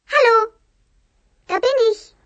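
A woman's voice: extremely high pitch, takes it slowly, muffled recording. A woman playing a tiny invisible female elf in a language-course radio drama, with a tinkling fairy voice and cheeky manner. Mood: cheeky, bright.

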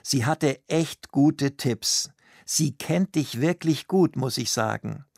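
Male narrator doing a chatty, oblivious husband, gravelly and dry. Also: medium pitch, slow pace, a little mellow, no room sound. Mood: breezy. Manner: breezy, joking. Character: cheerful husband, teasing and oblivious.

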